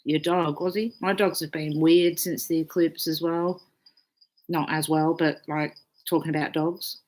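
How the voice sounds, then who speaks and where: A woman's voice: deep voice, level tone, a little slow, a little mellow. A woman astrologer hosting a casual live stream, chatting freely, swearing often and reading out viewer comments.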